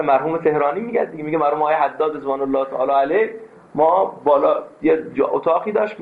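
Brief: male lecturer, emphatic and animated, somewhat high voice, tinny phone-quality recording. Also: creaky. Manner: emphatic, animated, tells anecdotes. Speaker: teacher of philosophy. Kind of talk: classroom lecture.

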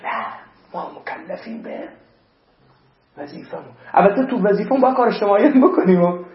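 A male cleric giving an animated sermon, reciting Arabic verses between his points. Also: sits high. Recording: roomy, dull lo-fi recording.

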